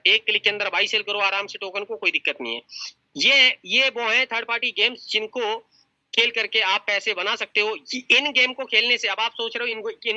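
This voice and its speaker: A male presenter walks viewers through an investment plan in a persuasive, salesy tone, constantly calling them sir and friends. His voice is cutting and bright, recorded dry and close with a slightly muffled, lo-fi quality. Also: sits high, no room sound. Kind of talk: screen-share plan review.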